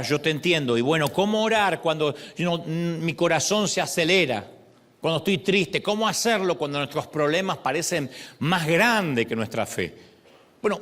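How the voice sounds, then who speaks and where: Animated pastor preaching. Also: male voice, on the high side. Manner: expressive, acts out quoted prayers and voices. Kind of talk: sermon.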